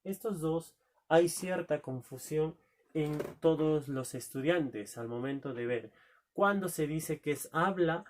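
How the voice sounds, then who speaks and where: A man teaching a recorded lesson, asking rhetorical questions and answering them himself, drawing out key words. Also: on the high side. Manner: drawn-out stressed key words.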